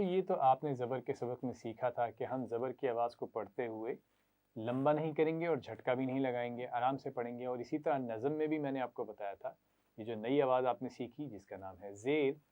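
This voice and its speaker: A man, teaching children Quran reading, slowly drilling sounds and asking them to repeat after him with praise. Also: medium pitch. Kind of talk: children's recitation lesson. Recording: tinny phone-like lo-fi audio.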